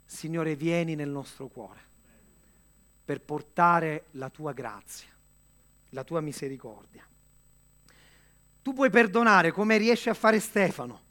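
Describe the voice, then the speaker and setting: A man delivering a sermon in an earnest, measured way, with dramatic pauses and direct questions to the listener. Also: fairly high pitch, sharp tone. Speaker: preacher.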